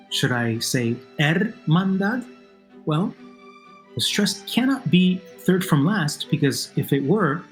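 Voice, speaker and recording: Lively-voiced male Spanish teacher. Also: medium pitch. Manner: asks questions and answers them patiently. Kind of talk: narrated video lesson.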